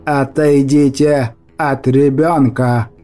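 Casting: male narrator doing an old storybook witch, slow and commanding, gentle with a child, a touch higher than his own voice. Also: steady tone, soft background music. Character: old female witch, stern yet tender. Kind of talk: audiobook character voice.

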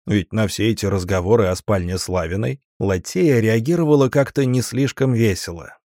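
A man narrating a novel in the first person with a steady, wry storytelling manner. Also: on the low side, normal speed, no room sound, clean studio sound. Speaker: audiobook narrator.

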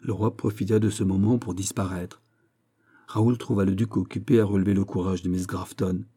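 Husky, dark-voiced male narrator. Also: sits low, level tone, normal speed. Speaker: audiobook reader. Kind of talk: classic novel narration.

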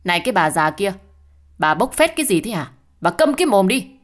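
A woman's voice: normal speed, close to an everyday voice. A woman playing a spiteful, snide young mistress. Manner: snide, shrill.

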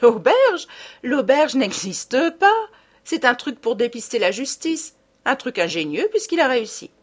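Woman voicing a young man detective, eager, confident, lively swings in tone, slightly husky, audiobook. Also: sits high, measured pace, voice pushed up, exaggerated voice. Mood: amused. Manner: confident, animated reasoning.

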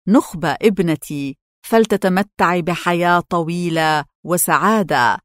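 A woman's voice: on the low side, unhurried, dry recording, clean studio sound, close to an everyday voice. A woman reading an audiobook, voicing a fond older mother figure who speaks in an affectionate, coaxing way.

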